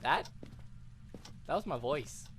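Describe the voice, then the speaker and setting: An animated streamer in casual gameplay chat, quick to joke and exclaim. The voice is bright and lively, swinging up and down in pitch, with faint noise behind it. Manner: excitable, animated, joking.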